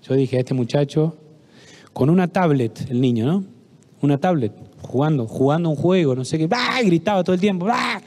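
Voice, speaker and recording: A middle-aged man with an Argentine Spanish accent addresses a parish audience. His voice sits a little high yet sounds dark and mellow. He tells anecdotes, acts out the people in them and turns to the listeners with questions. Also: expressive, a little fast. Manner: storytelling, acts out dialogue, asks audience questions. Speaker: psychologist giving a parish talk. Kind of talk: conference talk with anecdotes. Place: parish hall.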